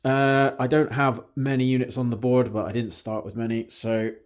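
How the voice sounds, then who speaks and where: A man's voice: medium pitch, level tone, normal speed. Wry man recapping wargame turns. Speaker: wargamer narrating his army's turns. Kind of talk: casual tabletop battle report.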